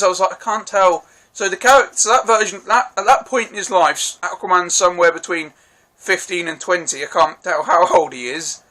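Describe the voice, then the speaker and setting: A man with a high, bright voice talks through a film review in a loose, rambling way. He hesitates often, circles back and restarts his sentences. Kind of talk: casual spoken film review.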